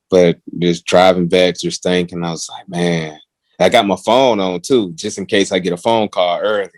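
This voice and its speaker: A young man, a pro football player, casually telling a story on a podcast and jumping to a higher voice when quoting people. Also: fairly even intonation, moderate pace, no room sound. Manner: acts out quotes in a raised, higher voice.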